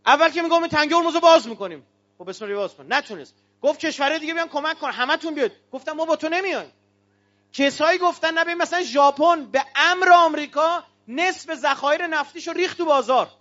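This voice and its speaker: An Iranian man delivers a fiery, declamatory political speech to an audience in an unusually high, bright, cutting voice that rises into bursts of shouting. The recording is dull and lo-fi.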